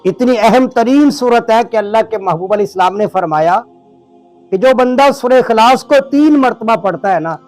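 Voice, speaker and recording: A man from Pakistan teaching prayer recitation with a Pakistani Urdu accent, slowing down to pronounce words syllable by syllable. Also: sits high. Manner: slows down to spell out words syllable by syllable. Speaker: religious teacher. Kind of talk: recorded lesson on prayer recitation.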